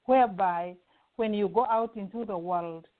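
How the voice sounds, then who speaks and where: A woman's voice: mid-range voice, moderate pace. Middle-aged Ugandan woman on a phone line. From western Uganda. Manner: earnest, with frequent fillers and restarts. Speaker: guest, home care agency CEO. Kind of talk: conversational interview answers. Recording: tinny phone-line audio.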